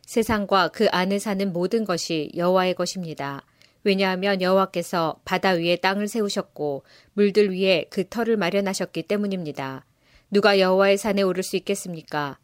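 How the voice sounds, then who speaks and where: A woman giving a measured, solemn scripture reading. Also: medium pitch, no echo, clean studio sound. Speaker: scripture reader.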